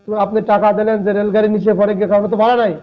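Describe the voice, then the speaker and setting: High-voiced man teaching over a tinny line. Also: little pitch movement, racing. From Bangladesh. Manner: colloquial, repetitive explaining with acted-out examples. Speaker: law teacher. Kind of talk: casual online law class. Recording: tinny phone-line sound.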